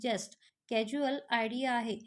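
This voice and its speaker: A woman's voice: a little high, steady tone, measured pace, lightly acted. A woman voicing a young man who teases a colleague and then scolds her out of concern. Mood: teasing. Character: young man, teasing but caring colleague.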